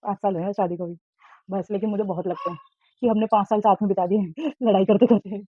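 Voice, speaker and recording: A woman's voice: medium pitch, steady tone, quick pace, dry recording. A woman, a mother, chatting casually at home while doing chores, talking to herself and her kids. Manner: chatty, talks to herself and scolds kids between tasks. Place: home indoors. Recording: dry, dull lo-fi sound.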